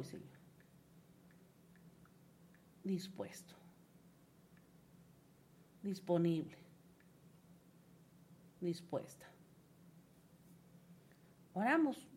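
A woman's voice: medium pitch, darkish tone, a little hiss or hum. A woman preaching a sermon in a fervent, rising manner, often repeating words for emphasis. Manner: fervent, builds to emphatic repetition.

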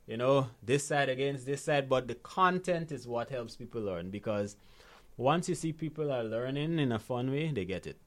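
Barely pausing, a Guyanese guest speaks at normal speed with a medium pitch, coaching on financial literacy and money habits. It's a conversational interview full of animated stories, and he often checks in with "right?".

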